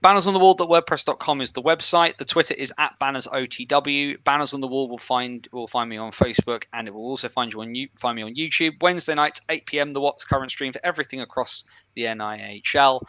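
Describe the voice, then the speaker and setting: Bright-voiced enthusiastic guest. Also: male voice, medium pitch, no room sound, poor audio. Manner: enthusiastic, quick plugs. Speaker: podcast guest. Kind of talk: casual chat.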